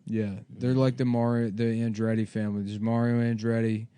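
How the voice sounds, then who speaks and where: Deadpan man, comedy podcast co-host, mid pitch, close dry mic. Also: fairly quick, clear, resonant tone, dry recording. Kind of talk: casual comedic chat.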